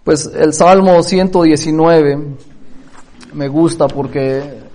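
A man's voice: a little high, slow pace. A man preaching a sermon, telling anecdotes in a conversational way. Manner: storytelling, conversational, lively anecdotes.

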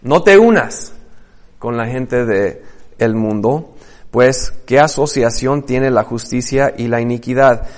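Un pastor con acento mexicano que predica un sermón, lee las Escrituras en voz alta y representa diálogos con animación. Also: male voice, medium pitch, unhurried. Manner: animated, acts out biblical dialogues, reads scripture aloud. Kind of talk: sermon.

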